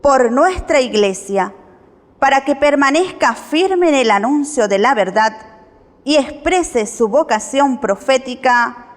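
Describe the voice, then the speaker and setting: Female lector, high voice, slow formal reading, cathedral echo with long church reverb. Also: animated. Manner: measured, formal reading of prayers. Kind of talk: liturgical reading. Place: large church.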